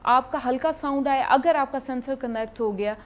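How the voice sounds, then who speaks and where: A woman athlete, a guest on a talk show, tells an anecdote in a lively, animated way. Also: sits high. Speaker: martial arts athlete guest. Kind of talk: casual interview storytelling.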